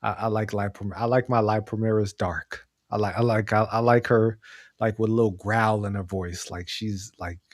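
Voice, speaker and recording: Speaking at a moderate pace with fairly even intonation and a low-leaning voice, this co-host chats casually about pro wrestling on a podcast. He offers his views and repeats phrases for emphasis, captured in a dry, clean studio recording.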